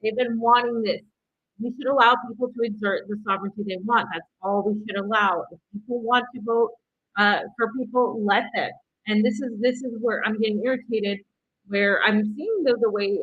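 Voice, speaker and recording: A woman's voice: mid-range voice, fairly quick, husky, phone-quality sound. A woman hosting live commentary, speaking in an opinionated, emphatic way and repeating phrases for stress. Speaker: host commentator.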